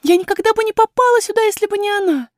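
Woman voicing a young princess girl, high-pitched, eager, determined, storybook reading. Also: fast, no echo, studio quality. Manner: bright, insistent, high-pitched.

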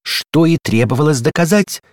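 A man's voice: mid-range voice, big pitch swings, moderate pace, a little mellow, dry recording, studio quality, pitched above the performer's own voice. A man voicing a fussy, know-it-all female door handle in a storybook reading, prim and insistent, sometimes dropping to a tragic whisper.

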